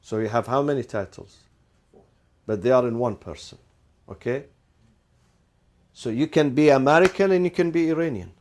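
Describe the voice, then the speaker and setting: In this classroom lecture, the teacher's mid-range voice has a darkish tone, moving at a moderate pace with frequent pauses. He asks rhetorical questions and supplies the answers, repeating key phrases and weaving in Arabic legal terminology.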